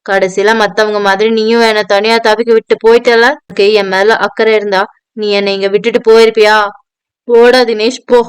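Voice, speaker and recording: A woman's voice: medium pitch, steady tone, normal speed, clean tone, dry recording, lightly acted. A woman voicing a drunk, self-pitying, volatile rich man who slurs and whines. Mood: drunk, whining. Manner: slurred, whining drunk talk.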